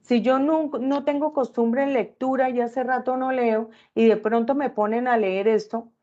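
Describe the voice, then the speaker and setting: A woman's voice: on the high side, fairly even intonation, normal speed, dark tone, highs cut off. A woman teaching an online class, often checking in with her students through short tag questions.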